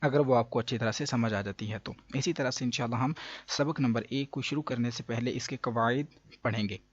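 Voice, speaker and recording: A man teaching a beginner Quran reading lesson, explaining slowly with pauses and drawing out each letter sound to demonstrate. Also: medium pitch, breathy edge, dull audio. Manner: slow and explanatory, with frequent pauses and fillers. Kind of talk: patient spoken lesson.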